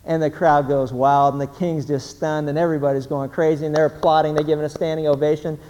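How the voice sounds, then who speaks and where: A man's voice: a little high, fast. A middle-aged man preaching a sermon, telling stories and acting out the people in them. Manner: storytelling, animated, acts out the people in his stories. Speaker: pastor. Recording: long hall reverb.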